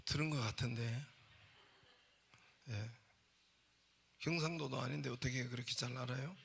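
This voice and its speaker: A man's voice: mid-range voice, normal speed, gravelly, fairly bright tone, a little hiss or hum. A man preaching a sermon as pastor, telling jokes and asking his congregation questions. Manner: jokey storytelling, asks the congregation questions. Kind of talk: sermon with humorous anecdotes. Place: church sanctuary.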